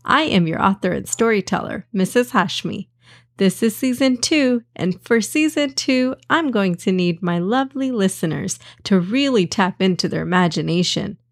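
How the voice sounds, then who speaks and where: A woman narrating a children's story as its author, expressive and clear for young listeners. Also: mid-range voice, normal speed, dry recording, clean studio sound.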